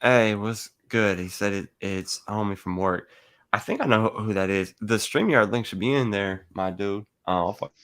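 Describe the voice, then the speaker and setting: A Californian man hosting a livestream chats casually, rambling, joking, and swearing. His voice is lowish and a bit bright, at normal speed.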